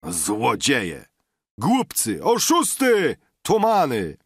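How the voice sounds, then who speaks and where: A man's voice: medium pitch, huge pitch swings, slow, fairly bright tone, husky, no echo, studio quality, voice pushed up, full character voice. A man doing a blustering drunken artist jester. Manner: blustering, exaggerated.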